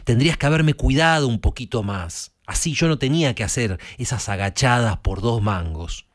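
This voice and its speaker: A man's voice: medium pitch, expressive, normal speed, dry recording, clean studio sound, natural voice. A man with an Argentine accent voicing a bitter, washed-up young boxer who reproaches his brother. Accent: Argentine Spanish. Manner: hurt, accusing, rising to outburst.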